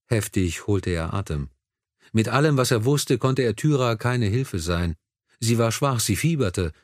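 A man reading a historical novel aloud in a measured, dramatic narration. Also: on the low side, expressive, no echo, clean studio sound. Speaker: audiobook narrator. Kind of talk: scripted narration.

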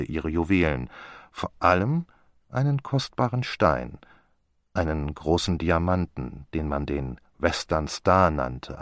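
A man narrating a detective story in the first person for an audiobook, in a measured storytelling delivery. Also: extremely low pitch, dry recording, clean studio sound. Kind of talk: scripted narration.

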